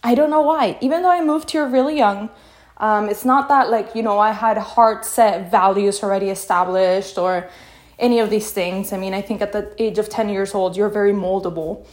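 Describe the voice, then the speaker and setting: A woman's voice: mid-range voice, moderate pace. A young woman from Peru, hosting a casual podcast monologue, candid and chatty, laughing often and saying "like" and "you know" a lot. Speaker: podcast host.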